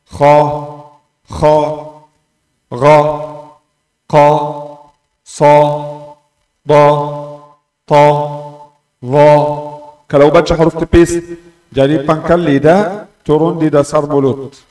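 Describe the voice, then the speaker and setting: Male Quran teacher, slightly high-pitched, deliberate syllable-by-syllable demos; distant mic in an echoey room. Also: a little mellow. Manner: slow and patient, repeating letters and syllables to demonstrate pronunciation. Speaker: tajwid teacher. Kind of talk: Quran recitation lesson. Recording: roomy echo, distant mic.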